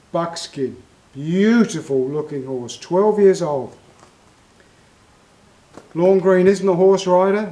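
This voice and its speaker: High-voiced Australian man telling stories. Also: warm tone, echoey room, rough recording. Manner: folksy, heartfelt storyteller. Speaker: vlog host. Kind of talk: casual storytelling.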